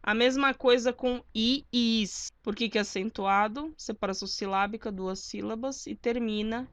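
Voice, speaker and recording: A woman's voice: on the high side, moderate pace, no room sound. A woman teaching spelling rules at a board, in a didactic way that keeps checking in with her students. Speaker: Portuguese grammar teacher.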